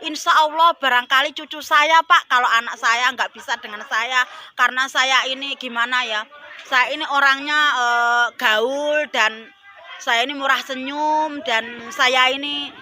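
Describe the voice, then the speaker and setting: A woman's voice: sits high, fairly even intonation, measured pace, sharp tone. An older woman, a vegetable seller telling her life story in an interview, earnest and polite, tagging "sir" onto her phrases. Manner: earnest, addresses interviewer as Pak after each phrase. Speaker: vegetable seller and former sinden. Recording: faint background noise.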